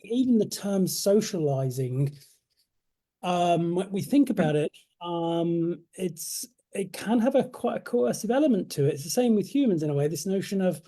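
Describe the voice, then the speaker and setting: A man hosting an interview, speaking thoughtfully with pauses. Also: high-pitched, animated, dark tone. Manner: thoughtful, measured with fillers. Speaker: host. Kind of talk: conversational interview.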